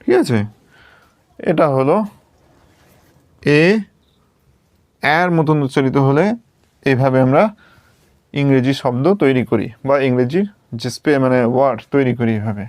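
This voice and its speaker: A man's voice: medium pitch, a little slow, long pauses, darkish tone, no room sound. A man teaching English pronunciation, patiently spelling out each sound step by step and checking that his students follow. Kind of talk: slow step-by-step lesson at a writing board.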